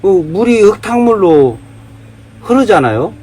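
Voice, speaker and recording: Animated Korean man ranting. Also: high voice, measured pace. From Jeolla, South Korea. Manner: heated, rhetorical questions, preachy. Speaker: vlogger. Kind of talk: casual monologue, day-drinking rant.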